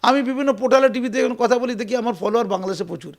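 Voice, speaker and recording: Man, really high gravelly voice, talks fast and keeps repeating himself. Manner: animated, emphatic, repeats phrases. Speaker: interview guest. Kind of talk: political interview.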